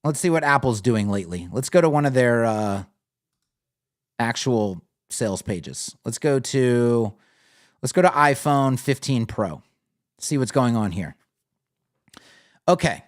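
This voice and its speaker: A man hosting a live web design critique, talking bluntly and thinking aloud as he scrolls through sites. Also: mid-range voice. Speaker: web design show host. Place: home studio with lights on.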